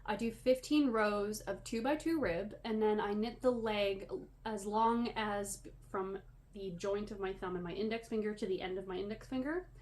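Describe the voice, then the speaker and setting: In a medium-pitched, darkish voice at a moderate pace, a Canadian podcast host and yarn dyer chats casually. She sounds slightly wheezy and short of breath as she rambles and jokes at her own expense, over clear background room noise.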